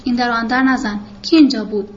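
A woman's voice: fairly high pitch, steady tone, highs cut off, a little hiss or hum, natural voice. A woman voicing a drunk, jealous young husband who slurs and hiccups as he demands answers. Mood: accusing.

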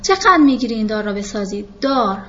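Lady reading as a curt bossy police captain, highish voice, bit dull lo-fi sound. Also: very animated, slight background noise. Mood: brusque. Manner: curt, commanding.

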